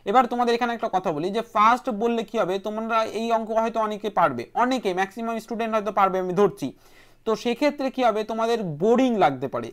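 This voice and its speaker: Brisk woman teaching math step by step. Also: mid-range voice. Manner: brisk, repeats key steps and numbers aloud. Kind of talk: online exam-prep math lesson.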